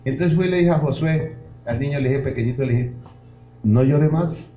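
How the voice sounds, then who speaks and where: Here the pastor talks fast in a mid-range voice, preaching with fervor and speaking directly to the congregation over faint background music. The church hall recording is roomy and dull.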